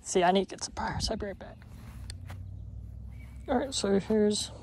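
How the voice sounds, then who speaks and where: This fishing vlogger's high voice carries vocal fry and moves at a moderate pace, with a faint hiss or hum in the background. Fishing at a pond, he gives loose, casual commentary, wandering and self-correcting, filmed on a chest-mounted camera outside.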